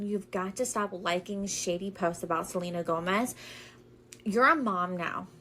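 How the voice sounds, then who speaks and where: A woman's voice: mid-range voice, fairly bright tone, slight background noise. A woman giving casual opinion commentary in a catty, scolding and emphatic way.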